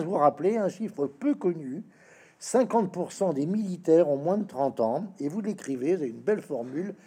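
Interviewer, husky, mellow, measured, deferential, hesitant, reads quotes aloud. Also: mid-range voice. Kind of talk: book interview introduction, reading quotes aloud.

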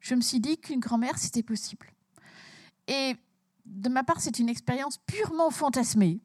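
Talking about her book in an interview, an author from Belgium speaks with emphasis and tends to repeat words at the starts of her sentences. She has a high, animated voice at normal speed, with no room sound audible.

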